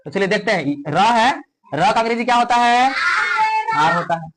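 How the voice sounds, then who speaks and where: A woman teaching a lesson for children, who talks slowly, repeats every point and asks questions and answers them herself. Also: medium pitch, lively intonation, heavy background noise. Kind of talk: classroom-style lesson for children.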